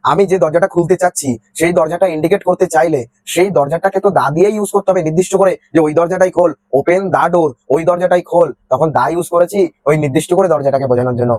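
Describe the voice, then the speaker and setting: A man's voice: on the high side, quick pace, darkish tone, no room sound. A young man teaching a grammar lesson, explaining step by step, repeating words and answering his own questions.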